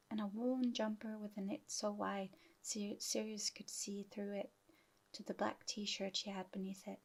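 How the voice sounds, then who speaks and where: A woman narrating a fan fiction audiobook in a soft, half-whispered reading voice. Her tone sits at a middle pitch with a steady gravelly fry. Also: rough recording.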